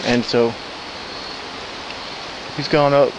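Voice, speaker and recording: A man's voice: medium pitch, steady tone. A man giving casual, unscripted narration as a hiking vlogger, recorded outdoors on a trail. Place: outdoors on a rocky riverside woodland trail. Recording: outdoor noise, rushing stream. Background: stream and natural ambience.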